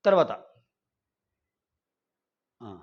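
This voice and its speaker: Male show reviewer, chatty recap that slips into quoted lines, thin muffled sound. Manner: retells scenes, quoting contestants in quick acted snippets. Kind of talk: casual episode recap. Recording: dull lo-fi audio.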